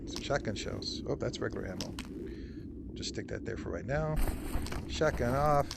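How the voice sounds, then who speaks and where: A man's voice: medium pitch, lively intonation, moderate pace, vocal fry. A man giving casual, rambling VR gameplay commentary, joking and poking fun at himself, in a noisy recording. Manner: rambling, joking, self-deprecating. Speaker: VR game video creator.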